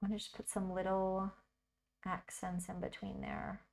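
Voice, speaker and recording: A woman talks through her work in a casual livestream tutorial, thinking aloud as she goes. Her voice sits at a medium pitch, chatty and easygoing, with frequent bursts of delight. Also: level tone, normal speed. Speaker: livestream host teaching digital art.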